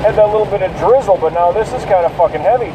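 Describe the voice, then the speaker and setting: A man's voice: sits high, fast talker, recorded from a distance. A man hosting a casual solo talk while driving through heavy rain, ranting and swearing at other drivers. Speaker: podcast host. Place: inside a car in heavy rain. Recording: noisy in-car recording, rain and road noise.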